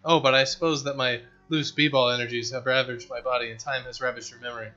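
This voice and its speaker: A man's voice: medium pitch, flat delivery, quick pace, pushed and bright, dull audio, soft background music, natural voice. A man voicing a vain, theatrical older woman, a faded basketball star living in hiding. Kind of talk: reading game dialogue aloud.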